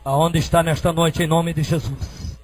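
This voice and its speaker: High-voiced fervent Brazilian preacher man. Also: little pitch movement, measured pace, low-quality recording. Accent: Brazilian Portuguese. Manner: fervent, swinging from quiet storytelling to shouted praise. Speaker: preacher giving testimony. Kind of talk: emotional preaching testimony.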